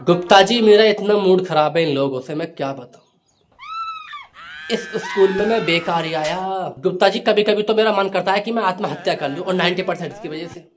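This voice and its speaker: A man's voice: high voice, fairly quick, natural voice. A man playing a short-tempered, exasperated male schoolteacher who rants and scolds, in a comedy sketch with tabla music behind him. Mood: ranting.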